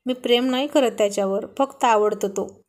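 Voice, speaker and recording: A woman's voice: a little high, normal speed, a little mellow, natural voice. A woman voicing a sulky, loving young wife pleading with her husband in a Marathi storybook reading. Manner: pleading and coaxing.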